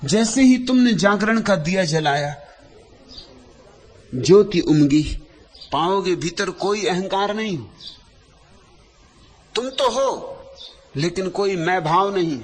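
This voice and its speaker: Speaking as a spiritual teacher, a man with a high-pitched voice delivers a discourse of brief, lyrical phrases. He leaves long pauses and repeats lines for emphasis.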